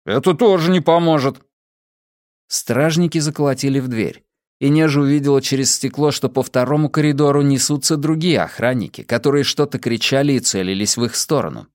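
A man reading an audiobook in measured scripted narration. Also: medium pitch, a little mellow, dry recording, studio quality. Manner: measured storytelling.

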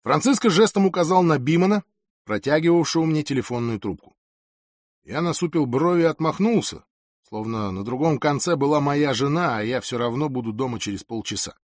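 A man reading a first-person novel aloud as an audiobook narrator, in an expressive, dramatic way. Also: fairly high pitch, brisk, no echo, studio quality.

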